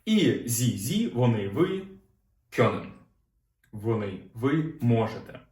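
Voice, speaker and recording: A man teaches German grammar in a calm, explanatory way, going over each point again and asking his learners questions. His voice sits at an ordinary middle pitch. The room gives it a noticeable echo. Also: slow pace. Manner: explanatory, repeats "знову ж таки", asks learners questions. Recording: roomy echo.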